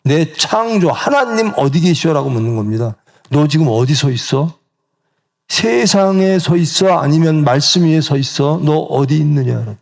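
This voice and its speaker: Gravelly, lively male pastor preaching. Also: fairly high pitch, normal speed. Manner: rhetorical questions to the congregation, acting out quoted voices. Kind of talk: sermon. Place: church sanctuary.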